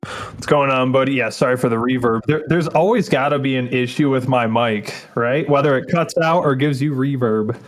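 A man's voice: mid-range voice, moderate pace, slight background noise. Man on a reverb-drenched hall-echo mic. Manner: easygoing, joking about his own mic trouble. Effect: heavy reverb on his mic, like a big echoey hall. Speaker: podcast guest. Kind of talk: casual chat.

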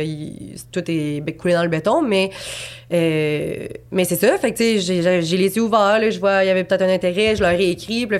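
A woman aged twenty-eight with a Quebec French accent, talking casually and at length as a guest artist in an interview, with lots of fillers and restarts. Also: lowish voice. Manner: chatty, rambling, many fillers and restarts.

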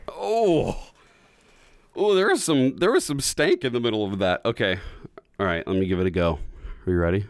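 Lively, laughing man on a podcast. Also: medium pitch, moderate pace, no room sound. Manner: laughs often, repeats words when starting. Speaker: podcast co-host. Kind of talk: casual chat.

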